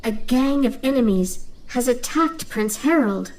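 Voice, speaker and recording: A woman voicing a loyal talking dove who guides the player through a game tutorial in a clear, instructive tone. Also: on the high side, lively intonation, unhurried, darkish tone, poor audio.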